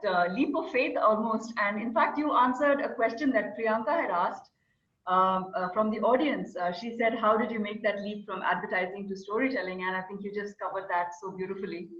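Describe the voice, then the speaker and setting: A woman's voice: mid-range voice, fairly even intonation, a little fast, fairly bright tone, reverberant, highs cut off. A woman interviewer responding appreciatively and passing on a question from the audience. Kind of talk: conversational interview.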